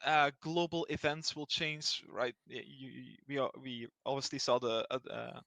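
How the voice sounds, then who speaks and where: A Belgian man answers interview questions on behalf of a blockchain project, explaining things hesitantly and often restarting his sentences. His medium-pitched voice is fairly even at a moderate pace, with vocal fry and a pushed, bright quality, in a dry recording.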